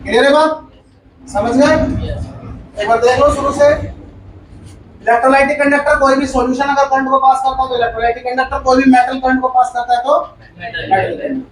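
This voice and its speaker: Guy teaching class, really high voice, repeats stuff and quizzes students, sounds far off in a room. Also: flat delivery, a little fast, long pauses, slight background noise. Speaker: chemistry teacher. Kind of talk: classroom lecture. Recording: echoey room, far from the mic.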